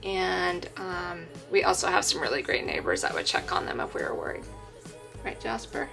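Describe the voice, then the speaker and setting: A woman's voice: lowish voice, sing-song, fairly quick, gravelly. A woman vlogger talking informally and chattily to her viewers in a casual style. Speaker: travel vlogger living full time in an RV. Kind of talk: casual vlog chat. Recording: background music under the voice. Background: music.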